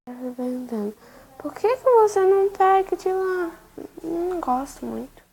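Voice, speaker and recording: A woman's voice: very high-pitched, expressive, a little slow, darkish tone, slight background noise. A young woman chatting casually as she plays a video game, talking to viewers and cooing at a dog in the game. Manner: chatty, talks to her game dog in baby talk. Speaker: gaming youtuber.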